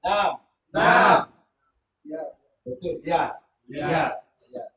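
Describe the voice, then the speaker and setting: A group of students recite answers together, slow and high-pitched. The sound is roomy and a bit dull, with many voices at once. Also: male voice, very animated, creaky, pushed and bright, far from the mic. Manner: chanting answers in unison. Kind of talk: classroom recitation. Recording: roomy classroom with crowd.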